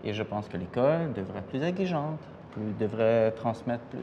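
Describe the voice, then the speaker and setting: A man's voice: on the low side, animated, moderate pace, mellow, in a large hall, muffled recording, slight background noise. A male writer in an interview, speaking hesitantly and searching for his words. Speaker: writer guest. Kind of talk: interview answers.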